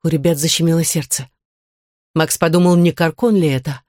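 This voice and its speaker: A woman's voice: low voice, steady tone, fairly quick, darkish tone, dry recording, clean studio sound. A woman reading a children's adventure story aloud as narrator, steadily, acting out the dialogue. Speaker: audiobook narrator. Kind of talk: scripted narration.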